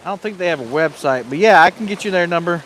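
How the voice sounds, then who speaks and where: High-pitched and fairly bright, this man talks in a quick, animated way as a livestream guest, reading chat comments aloud. He's relaxed and outdoors on a windy lake bank, and the audio is rough.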